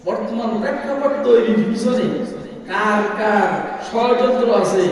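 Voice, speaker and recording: A man's voice: high voice, unhurried. An older man from Bangladesh preaching a fiery sermon, who keeps firing rhetorical questions at the crowd. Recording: echoey hall, voice from far off.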